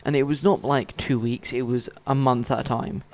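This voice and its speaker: A young man in casual chat about video games, blunt and quick to swear. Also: mid-range voice, fairly even intonation, poor audio. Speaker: gaming YouTuber. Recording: faint noise with clicks.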